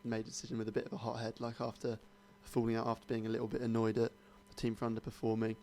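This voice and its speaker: A man's voice: mid-range voice, slight background noise. A young man co-hosting a sports radio show, chatting casually and hedging his opinions. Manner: quick, flat-toned, hedging opinions.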